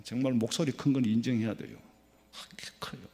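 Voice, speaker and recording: A man from South Korea, a pastor preaching a midweek sermon with folksy stories, swinging between loud emphatic lines and soft low asides. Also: steady tone, fairly quick. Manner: folksy, anecdotal, acts out dialogue. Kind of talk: sermon with storytelling. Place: church sanctuary. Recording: long hall reverb in church.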